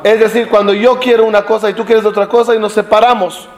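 A man's voice: sits high, fast talker. A man teaching a Talmud class to a live group, telling stories with many rhetorical questions, joking with his listeners and mixing in Hebrew study terms. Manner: animated storytelling with rhetorical questions; jokes with the listeners. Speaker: Torah teacher.

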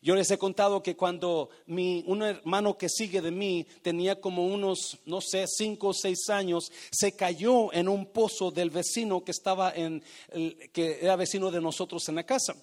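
A middle-aged man, preaching a sermon and telling a personal story with dramatic swells of loudness for emphasis. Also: sits high, fairly even intonation, moderate pace. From Mexico. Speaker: pastor.

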